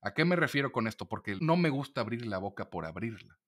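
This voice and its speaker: A man's voice: mid-range voice, big pitch swings, quick pace, fairly bright tone. A Mexican man, a lawyer, explaining a legal point in a casual monologue video and acting out quoted dialogue as he goes.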